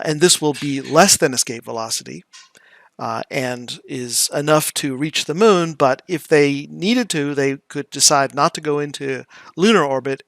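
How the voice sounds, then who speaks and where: A middle-aged man giving a casual explanatory lesson, presenting like a teacher and halting now and then as he thinks aloud. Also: medium pitch, gravelly, no room sound. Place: small indoor room.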